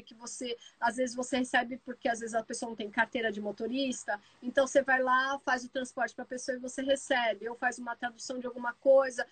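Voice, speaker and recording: A woman with a Brazilian Portuguese accent hosting a live stream, telling stories fast and full of asides. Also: high-pitched, slightly rough, dry recording, poor audio. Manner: lively storyteller, talks fast with many asides. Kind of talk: casual live chat.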